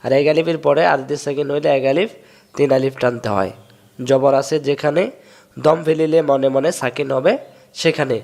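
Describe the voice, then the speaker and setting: A man from Bangladesh, teaching Quran reading step by step and drawing out sounds slowly to show them. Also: medium pitch, fairly even intonation, gravelly, darkish tone. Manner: explains step by step, drawls sounds slowly to demonstrate. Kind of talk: recitation lesson.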